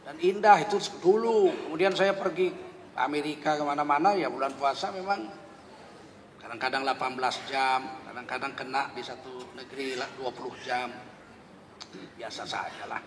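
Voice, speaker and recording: A man preaching, telling a humorous story with lively dialogue and then teaching. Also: medium pitch, normal speed. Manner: lively anecdotal telling, acting out both sides of dialogue. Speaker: Islamic preacher. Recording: long hall reverb, faint background noise.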